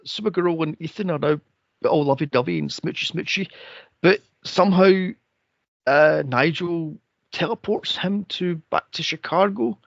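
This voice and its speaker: Sarcastic man with a gravelly voice. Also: on the high side, moderate pace, no echo, muffled recording. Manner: sarcastic, exasperated, swears a lot, mocks scenes in put-on voices. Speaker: podcast co-host. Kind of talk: casual movie review chat.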